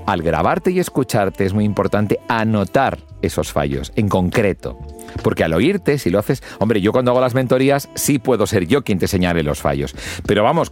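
Middle-aged male host, low register, very expressive delivery, coaching tone. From Spain. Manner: lively, demonstrates pronunciation with exaggerated examples. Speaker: podcast host and public speaking mentor. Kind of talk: instructional podcast talk.

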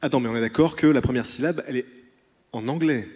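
A man's voice: medium pitch, fast, a little mellow, in a large hall. A man chatting casually on a group podcast, guessing aloud and sharing anecdotes. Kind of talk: casual chat among friends.

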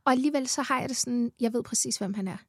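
A pregnant woman with a Danish accent talks in a fairly high voice with plenty of gravelly fry. She gushes and swears casually, close to a dry studio mic. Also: dry recording. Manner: enthusiastic, swears freely, laughs often. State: heavily pregnant. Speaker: podcast guest. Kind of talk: casual chat.

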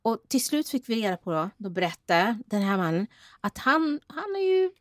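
A woman's voice: medium pitch, dry recording, clean studio sound. A woman co-hosting a podcast, telling a story in casual chat and acting out what people said. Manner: animated, laughing, acts out quotes. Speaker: podcast co-host.

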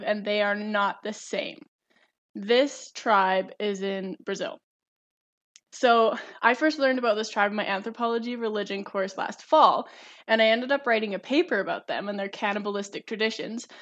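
A young woman co-hosting a podcast, explaining a topic eagerly, like a student presenting research. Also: fairly high pitch. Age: young adult. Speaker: podcast co-host. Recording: slightly dull lo-fi sound.

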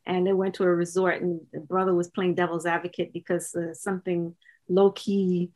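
A woman's voice: fairly low pitch, normal speed. A woman co-hosting a podcast, talking earnestly in a casual discussion with frequent restarts. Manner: earnest, hesitant restarts, animated emphasis. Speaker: podcast co-host.

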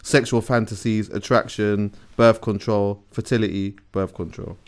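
Male co-host, slightly deep voice, loose and rambling conversational delivery. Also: fairly even intonation, moderate pace, darkish tone. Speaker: podcast co-host. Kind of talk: casual rambling chat.

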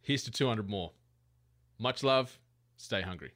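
A man's voice: lowish voice, lively intonation, measured pace, background noise. A man delivering a prepared congratulatory message as a fellow podcaster. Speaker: podcast co-host sending a message.

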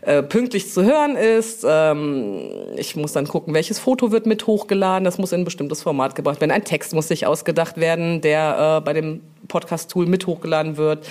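A middle-aged woman, a brand manager appearing as an interview guest, talks casually and explains things, often feeling her way through her sentences. Her voice is deep and a little mellow.

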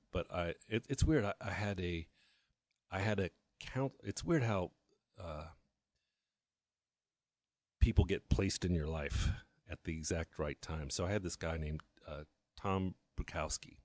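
A man in his fifties, a guest telling his story candidly in a halting way that often restarts with repeated words. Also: low-pitched, darkish tone, no echo, studio quality. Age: 50s.

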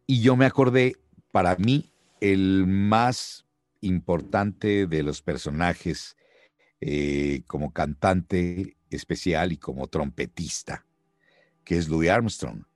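A middle-aged man, a voice actor, telling a lively anecdote in an interview and acting out the voices he quotes. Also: sits low, takes it slowly, no room sound, studio quality. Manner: lively storyteller who acts out quoted voices.

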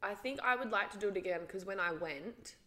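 A woman's voice: mid-range voice, sharp tone. A young woman, chatting casually with a friend and telling stories full of "like". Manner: chatty, quick to tell stories, lots of "like". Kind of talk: casual chat between friends.

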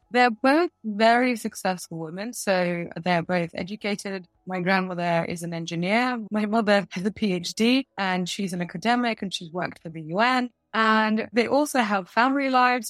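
A woman in her forties from Russia gives confident, measured interview answers and laughs now and then. Her voice sits at an ordinary pitch. The sound is dry and close, with no room around it. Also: no room sound. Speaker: guest, tech company founder.

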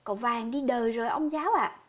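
A woman's voice: fairly high pitch, quick pace, natural voice. A woman voicing a poor, grieving old village man who speaks sorrowfully and pleadingly.

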